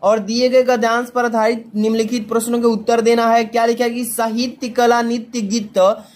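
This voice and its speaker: Hindi tutor asking and answering himself. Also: male voice, very high voice, flat delivery, darkish tone. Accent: Hindi of Uttar Pradesh. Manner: rhetorical self-answering questions; slow sing-song recitation of verse. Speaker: Hindi teacher. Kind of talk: explaining an exam paper to students.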